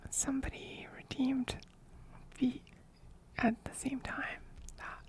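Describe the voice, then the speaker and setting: A woman's voice: high voice, level tone, slow pace. A woman livestreamer doing close ASMR whispering right in the listener's ear, coy and teasing, talking to her chat. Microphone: close microphone.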